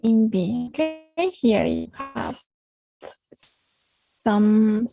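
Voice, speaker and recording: A woman teaching an English class over a video call, her voice breaking up on a bad internet connection, giving slow, coaxing prompts. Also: fairly high pitch, huge pitch swings, vocal fry, dull audio, over music. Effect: choppy audio from a bad internet connection. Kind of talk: online class instruction.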